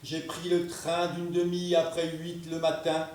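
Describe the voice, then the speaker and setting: An actor playing a formal, earnest gentleman who speaks with slow, ceremonious politeness in a stage play. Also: on the high side, completely flat delivery, distant mic, lightly acted. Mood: formal, wondering. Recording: echoey room, miked from afar.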